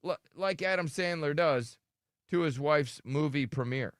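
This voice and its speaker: Speaking a little slowly in a voice on the high side, a man hosts morning radio from a studio, chatting casually and complaining about himself in a self-deprecating way. The recording is studio quality with no room sound, but his studio microphone sounds thin and tinny.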